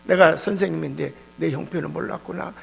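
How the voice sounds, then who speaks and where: A man voicing a gruff but caring middle-aged male schoolteacher, speaking with rough affection. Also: on the high side, a little fast, exaggerated voice. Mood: tender. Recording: dull echoey hall with hum.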